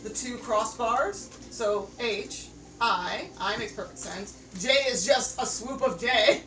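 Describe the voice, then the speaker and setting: A woman running a live tabletop game as game master, chatty, slowing down for eerie description. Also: a little high, fairly bright tone, soft background music. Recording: roomy, distant mic with clear background noise.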